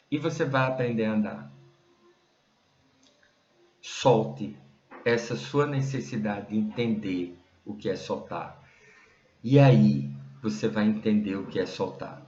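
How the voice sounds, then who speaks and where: A man's voice: mid-range voice, a little mellow. A man teaching a meditation method straight to the viewer, conversational and full of tag questions. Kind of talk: direct-to-viewer teaching talk. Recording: roomy, dull lo-fi sound.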